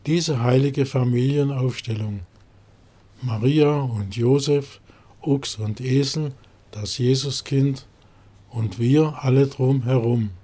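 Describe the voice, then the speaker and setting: A man's voice: mid-range voice, fairly even intonation, slow, warm tone, husky. A man voicing a grumbling, stubborn sheep in a storybook nativity crib, defiant and complaining.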